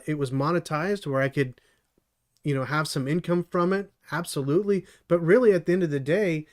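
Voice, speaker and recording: A middle-aged man hosting a solo live stream as a developer mentor, talking earnestly with many restarts and fillers, his voice a little dry. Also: fairly high pitch. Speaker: channel host and developer mentor.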